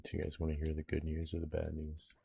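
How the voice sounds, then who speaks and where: A man's voice: a bass voice, completely flat delivery, fast, creaky, mellow, slight background noise. A young man streaming a game, chatting casually with his viewers in a laid-back, slangy way. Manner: laid-back, slangy, talks to chat and himself. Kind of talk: casual live-stream chat.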